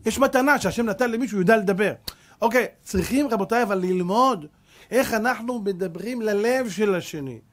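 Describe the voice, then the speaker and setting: Male rabbi, high-pitched, animated storyteller for a congregation lesson. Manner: animated storyteller, swings between loud and hushed; acts out characters in anecdotes. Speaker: rabbi teaching a Torah class.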